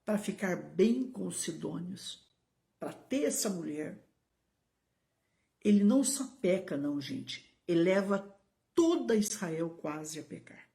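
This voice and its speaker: A woman's voice: lively intonation, a little slow, vocal fry, mellow. Emphatic Brazilian woman pastor preaching. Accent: Brazilian Portuguese. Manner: emphatic, rising to high exclamations and addressing viewers by name. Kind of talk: live-streamed sermon.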